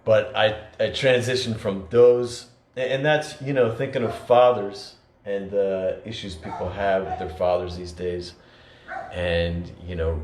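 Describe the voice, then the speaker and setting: This man, co-hosting a podcast, muses in a reflective, conversational way, earnest but full of fillers and false starts. His lowish, slightly mellow voice is unhurried with fairly even intonation. Faint noise and echo fill the room.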